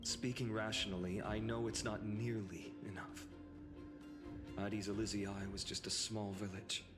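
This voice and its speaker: An actor playing an earnest, tormented young warrior hero in a game, solemn, breathy and intense. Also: male voice, on the low side, flat delivery, unhurried, close to an everyday voice. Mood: anguished. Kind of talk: dramatic game voice acting. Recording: long reverb, music over voice.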